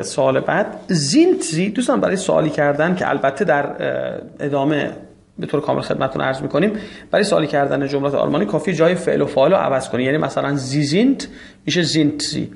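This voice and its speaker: Gravelly male German tutor. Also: on the high side. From Iran. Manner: repeats German phrases slowly, then explains them. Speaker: German language teacher. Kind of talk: explanatory language lesson.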